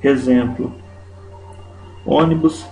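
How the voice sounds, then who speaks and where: A man teaching a Portuguese grammar lesson, speaking slowly and deliberately and often checking in with his listeners. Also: mid-range voice, steady tone, mellow, reverberant, soft background music, rough recording. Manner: slow and deliberate, checks in with "né?" and "não é isso?".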